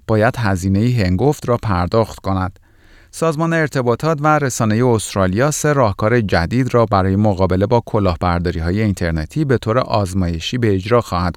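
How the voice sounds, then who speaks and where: Casting: male news presenter, lower voice, scripted bulletin read in a very dry studio sound. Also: clean tone, no echo.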